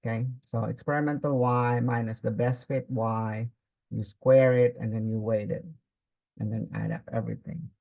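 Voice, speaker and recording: A man's voice: mid-range voice, steady tone, normal speed, creaky. A man instructing in a step-by-step spreadsheet tutorial, dictating formulas piece by piece and checking in with learners. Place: screen-recorded lesson at a computer. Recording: slightly dull, muffled audio.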